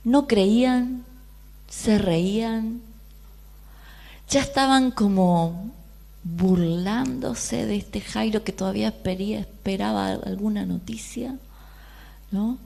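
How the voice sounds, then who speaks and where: A woman's voice: medium pitch, slow pace, vocal fry, pauses often. A woman with a Rioplatense Argentine accent preaching a sermon, often asking the audience questions and briefly voicing the people in the story. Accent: Rioplatense Spanish. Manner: lively, questioning the audience, acting out quoted voices.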